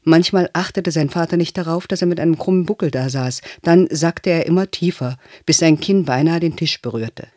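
Male audiobook narrator, even matter-of-fact delivery, slightly high pitch, dry close recording. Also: a little fast, few pauses, dry recording.

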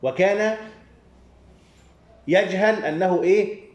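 A man with an Egyptian accent and a high-sitting voice teaches a hadith studies class at a slow pace, leaving sentences open for his students to finish. The lecture's call-and-response sounds reverberant.

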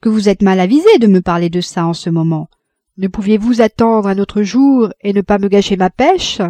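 A woman's voice: mid-range voice, sing-song, normal speed, warm tone, no room sound. Woman playing a poised, practical young widow. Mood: reproachful. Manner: crisp, sensible and direct.

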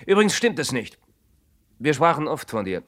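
A man's voice: a little high, big pitch swings, normal speed, a bit bright. An actor in a radio play voicing a man defending himself after an affair with his best friend's wife. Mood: earnest. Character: guilty best friend and secret lover, earnest.

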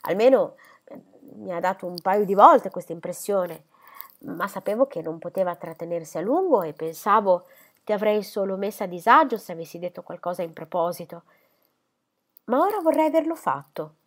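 A woman reading aloud, voicing a sincere, gentle young woman who speaks earnestly and a little hesitantly. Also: mid-range voice, expressive, normal speed, close to an everyday voice.

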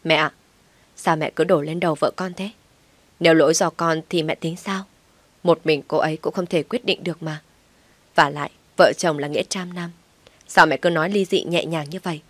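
A woman voicing a calm, patient young husband reasoning with his mother in an audio story. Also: deep voice, normal speed, no echo.

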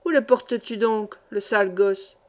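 A woman's voice: medium pitch, moderate pace, darkish tone, close to an everyday voice. A woman reading aloud voices a fat, brutal male gendarme who barks orders with contempt in a storybook. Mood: scornful. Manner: barking, contemptuous.

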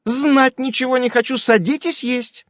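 A man's voice: very high-pitched, steady tone, moderate pace, a bit bright, dry recording, clean studio sound, pitched above the performer's own voice. A man voicing a fussy, hospitable elderly aunt who coaxes guests to eat. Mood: doting. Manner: doting, chatty, coaxing.

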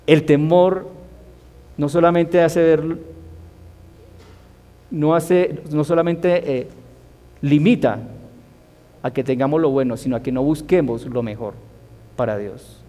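A man's voice: mid-range voice, mellow, in a large hall. A man teaching a Bible study as a sermon, asking his listeners rhetorical questions. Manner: asks the audience rhetorical questions.

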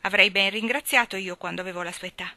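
A woman reading aloud, voicing a stern, proud older aunt who scolds in a sharp, reproachful way. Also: medium pitch, fast talker, no echo.

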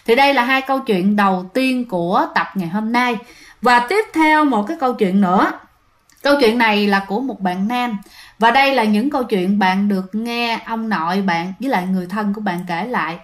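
A woman's voice: mid-range voice, fairly quick. A woman telling ghost stories in a casual, chatty way, often addressing her listeners directly. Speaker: ghost story narrator. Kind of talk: casual spoken storytelling.

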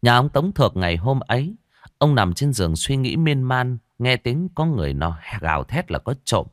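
A man's voice: mid-range voice, sing-song, moderate pace, no room sound, studio quality. A man narrating a horror story in a dramatic, suspenseful scripted telling.

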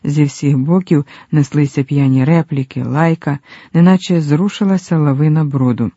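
A man reads a story aloud in a steady, measured narration. His voice is slightly high but mellow in tone. The recording is dry, with a dull, lo-fi sound. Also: no echo. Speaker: audiobook narrator. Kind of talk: scripted narration.

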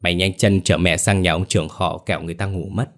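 A man's voice: deep voice, steady tone, quick pace, a bit bright. A man voicing an anxious, stubborn elderly village grandmother in a spoken ghost story. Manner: fretful, insistent.

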